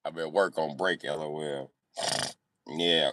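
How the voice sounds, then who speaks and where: Over a noisy background, a livestream host with a bass voice talks at an unhurried, steady tone. He reads comments and answers them in a brash, joking, slangy way, swearing a lot in casual chat.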